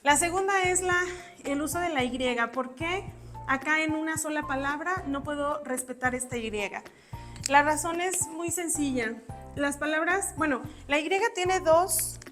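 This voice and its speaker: A woman's voice: sits high, measured pace, a bit bright, faint music behind. A woman giving an exam-prep spelling lesson, patiently explaining rules step by step with examples while writing on a board. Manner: writes on a board while talking. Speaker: spelling teacher.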